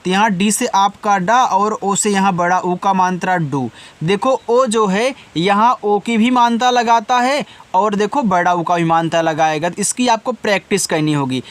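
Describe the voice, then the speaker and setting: A man teaching English words letter by letter, spelling slowly, then explaining patiently and answering his own questions. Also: high voice. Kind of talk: Hindi-language spelling lesson.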